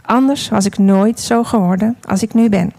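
A woman's voice: mid-range voice, normal speed, creaky, mellow, no room sound. A woman voicing a pleading clay vase. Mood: grateful. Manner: pleading, cries out. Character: talking clay vase, fragile and emotional.

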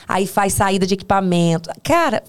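With a clean, medium-pitched voice at a moderate pace, a woman with a Brazilian Portuguese accent shares work stories in conversation. The podcast guest, a tour producer, is animated and given to exaggeration, frequently cutting herself off.

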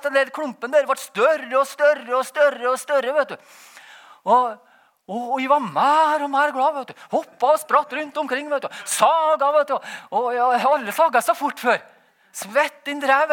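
Man, very high voice, bright and tense tone, rambling spoken testimony, chuckles often. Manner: animated, rambling, frequent "vet du" tag; laughs while telling. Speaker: testimony speaker. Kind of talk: personal testimony.

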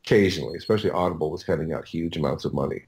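A middle-aged American man, an audiobook producer appearing as a podcast guest, tells stories in a casual, halting way, often stopping to correct himself as he rambles. His voice is low-pitched with a darkish tone.

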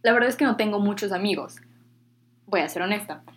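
Talking to her viewers on camera, this Mexican teen vlogger chats openly, drops local slang, and makes jokes at her own expense. She has a Mexican Spanish accent and a mid-range voice with lively intonation, moving at a brisk clip.

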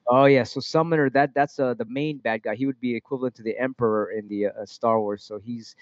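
A man's voice: medium pitch, fairly even intonation, no echo. Rambling man with a dull dry sound. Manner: rambling, halting, swears freely. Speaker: music producer. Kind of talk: casual interview talk.

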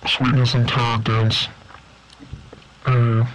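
A man's voice: mid-range voice, little pitch movement, takes it slowly, fairly bright tone, rough recording. A man voicing a tormented, gloating ghost baker in a horror story, menacing and grandiose.

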